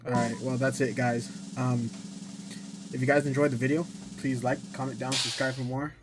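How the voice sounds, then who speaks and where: With background noise behind him, a man speaks at medium pitch in a level tone and moderate pace. He's a tutorial video maker chatting informally and somewhat ramblingly through casual gameplay, often mocking himself.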